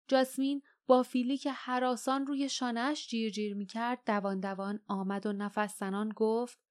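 A woman narrating a fantasy audiobook in a steady, measured reading voice. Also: mid-range voice. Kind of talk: scripted storybook narration.

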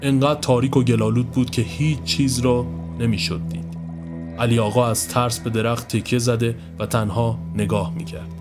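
A man narrating a scripted horror story in a steady, even voice of middle pitch. Faint background music plays under his words. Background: soft music.

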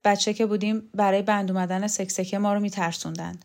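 A woman's voice: mid-range voice, steady tone, gravelly, a little mellow, close to an everyday voice. A woman voicing a strong, stern man who speaks curtly and in a commanding way. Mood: plain.

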